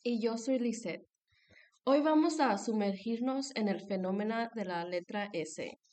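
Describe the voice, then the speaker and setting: A young woman in her twenties, a student presenter, reads a scripted lesson aloud in a steady voice. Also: mid-range voice. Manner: steady read-aloud delivery with clear examples. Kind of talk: scripted educational narration.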